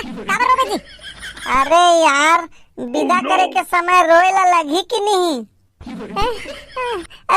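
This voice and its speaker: A woman with a Chhattisgarhi accent voices playful, bickering village kids staging a doll wedding in a comedy cartoon, trading teasing, giggly lines in quick back-and-forth banter. Her voice is extremely high, bright, and forceful, a full character voice, with slight background noise.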